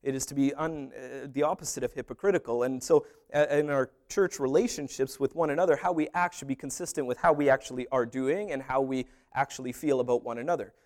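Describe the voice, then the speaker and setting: Speaking fast in a medium pitch with hardly any pauses, a pastor delivers an animated sermon, complete with humorous asides and little acted-out dialogues.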